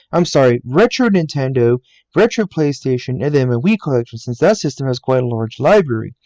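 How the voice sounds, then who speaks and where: In the game room of his family's home, a man in his twenties from the United States records scripted narration for his gaming YouTube channel. He speaks earnestly and plainly, in a warm, mellow voice pitched slightly above the male average. The laptop mic sits close, giving a dry, rather muffled sound.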